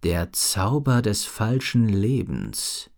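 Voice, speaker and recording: A man's voice: mid-range voice, sing-song, normal speed, natural voice. A man doing a thoughtful commanding wizard.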